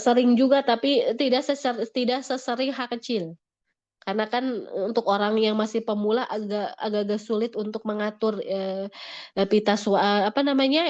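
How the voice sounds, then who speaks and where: A woman's voice: medium pitch, lo-fi sound. A woman teaching Quran recitation in an online class, patiently modelling each sound and repeating corrections. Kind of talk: online tajwid lesson.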